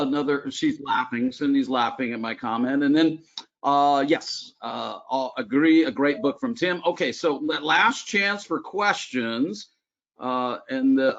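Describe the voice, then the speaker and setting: A man hosting a webinar in a chatty, upbeat voice with lots of "uh"s. His pitch sits a little high for a man. The sound is dull and lo-fi, coming over a video call. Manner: chatty, upbeat, many filler "uh"s. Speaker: webinar host. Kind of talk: casual webinar presentation. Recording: dull lo-fi online call audio.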